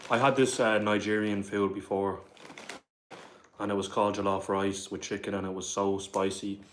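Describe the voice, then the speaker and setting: A man's voice: fairly low pitch, level tone, moderate pace, slight background noise. A man with a Dublin Irish accent hosting a casual livestream, reading viewer questions aloud and answering them with lots of "like" and "bro". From Ireland. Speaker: livestream host.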